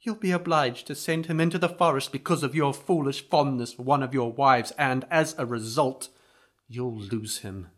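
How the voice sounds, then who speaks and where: An elderly sage in mourning, solemn and unyielding, put on by a man. His voice sits mid-high and stays grave. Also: moderate pace, natural voice. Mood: stern. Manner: stern and solemn. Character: grieving elderly sage father, man, unforgiving.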